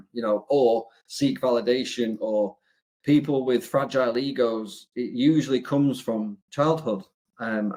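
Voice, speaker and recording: A man's voice: mid-range voice, darkish tone. A man with an English accent giving a casual motivational talk as a business coach, blunt and sweary, rambling with many fillers and restarts.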